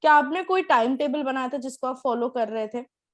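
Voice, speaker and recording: A woman's voice: sits high, fairly quick. A woman interviewing a student, asking long questions with fillers. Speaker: interviewer, coach.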